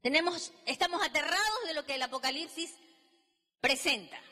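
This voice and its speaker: High bright-voiced woman preaching in a hall. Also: lively intonation, moderate pace. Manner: emphatic, dramatic, acts out biblical dialogue. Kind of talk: sermon. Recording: long reverb in a large hall.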